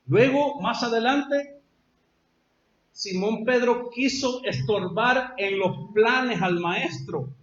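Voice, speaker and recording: A man's voice: very high voice, slow, a bit bright. A man with a Salvadoran accent preaching a sermon, telling the story emphatically and drawing out repeated phrases. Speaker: pastor. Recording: echoey dull lo-fi church recording.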